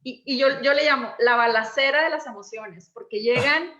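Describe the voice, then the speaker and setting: Bright high-voiced woman coach. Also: moderate pace, dull audio. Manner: expressive, reenacts dialogue. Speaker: emotions coach. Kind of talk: conversational explanation.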